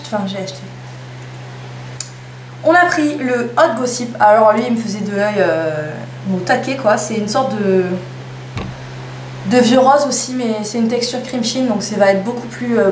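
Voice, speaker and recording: Young woman, casual haul chatter, playful asides, slightly high voice, roomy echo. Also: normal speed. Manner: chatty, self-mocking asides. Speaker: beauty vlogger. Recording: echoey room with faint hum.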